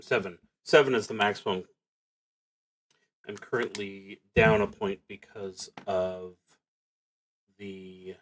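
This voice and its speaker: Narrating a solo tabletop roleplaying game in a casual way, a man thinks aloud haltingly and mutters to himself as he plays. His voice is on the low side, bright and forceful.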